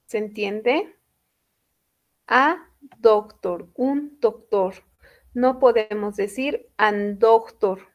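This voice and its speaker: A woman gives a classroom lesson at a slow, careful pace. Her voice sits slightly high, and she repeats each point patiently, checking often that her students are following. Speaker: English teacher.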